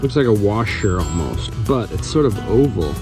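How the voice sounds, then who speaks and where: A man's voice: lowish voice, big pitch swings, normal speed, music in the background. A man narrating a casual outdoor vlog as a metal detecting hobbyist, thinking aloud in a musing, tentative way. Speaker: metal detecting hobbyist presenting his finds. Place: outdoors in a backyard.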